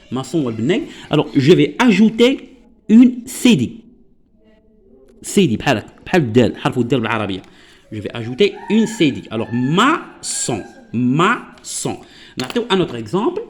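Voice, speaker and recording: A man with a Moroccan Arabic accent teaching French pronunciation. He explains patiently, often checks that listeners follow, and says example words slowly. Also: on the high side, a little mellow, breathy edge. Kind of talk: classroom-style lesson explanation.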